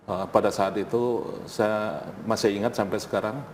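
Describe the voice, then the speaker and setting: A middle-aged man with a fairly low voice shares anecdotes as a guest. He repeats phrases for emphasis. The sound has a long reverb and faint noise. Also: fairly even intonation, moderate pace. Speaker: interview guest, college head. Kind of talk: informal anecdotal storytelling in an interview. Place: TV studio.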